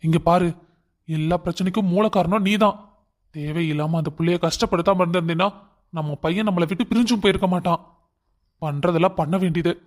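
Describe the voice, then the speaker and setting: A man's voice: sits high, brisk, lightly acted. A man voicing a stern older father who scolds and lectures his family in a cartoon story.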